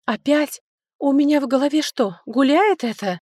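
A woman's voice: on the high side, expressive, a little mellow, no room sound, clean studio sound, voice pushed up, natural voice. A woman reading an audiobook, voicing a sarcastic, touchy young noblewoman who mocks her older sister. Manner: mocking, biting, quick to snipe.

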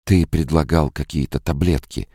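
A man's voice: rumbling low, normal speed, warm tone, breathy edge, no room sound, studio quality, pitched above the performer's own voice. A man voicing a frightened, tearful young woman. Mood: anxious. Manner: tearful, rambling, drugged near the end. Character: frightened young woman, fragile, near hysteria.

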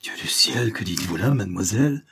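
A man's voice: on the low side, animated, brisk, pushed and bright, slightly rough, heavily acted. A man reading a worried female servant. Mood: troubled. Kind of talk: audiobook character reading.

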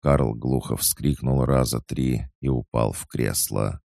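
Male audiobook narrator; deep, gravelly, mellow tone, with a dry, close sound. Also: steady tone, takes it slowly, no room sound.

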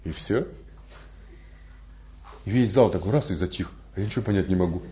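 His voice is low-pitched and brisk as he presents a recorded religious lecture. He is not a native Russian speaker, and his spiritual talk relies on rhetorical questions and energetic storytelling.

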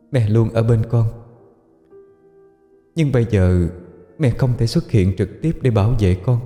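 A man voicing the gentle, loving ghost of a mother who softly reassures her daughter in a ghost story audiobook. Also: lowish voice, echoey room, big-room sound, close to an everyday voice. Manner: soft, warm, reassuring. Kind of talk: audiobook character voice.

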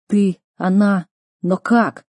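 A woman acts out an enraged young man in an audiobook, his voice pushed higher and louder as he hurls accusations. The tone stays dark and the sound dry and close. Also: fairly even intonation, slow pace, no room sound. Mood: furious. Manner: shouting, accusing. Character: furious young man, magic raging.

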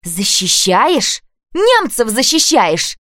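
A woman's voice: medium pitch, normal speed, darkish tone, dry recording, clean studio sound, natural voice. A woman voicing an older teenage girl from a labor camp, bitter and snapping, in an audiobook.

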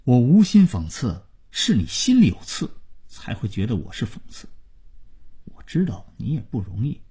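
A man's voice: medium pitch, huge pitch swings, moderate pace, warm tone, husky, full character voice. Man doing sardonic young Liao Yu. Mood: cool.

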